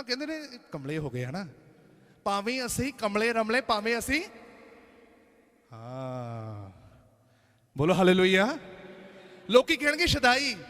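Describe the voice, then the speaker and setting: Punjabi accented pastor guy preaching loud, very high bright voice, big echoey church hall. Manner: loud call-and-response preaching, calling for hallelujahs; mixes Punjabi with English phrases. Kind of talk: energetic Christmas sermon.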